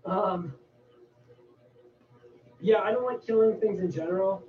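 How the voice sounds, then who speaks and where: A man's voice: sits high, a little slow. A man rambling casually to his livestream viewers as the host. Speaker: video creator hosting a livestream. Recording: roomy, distant, dull audio with faint noise. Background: faint noise and ambience.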